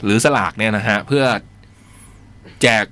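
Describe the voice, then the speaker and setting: A man's voice: on the low side, measured pace, fairly bright tone, clean tone. Chatty male radio DJ. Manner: chatty, laughing often. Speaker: radio DJ host. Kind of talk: casual radio chat.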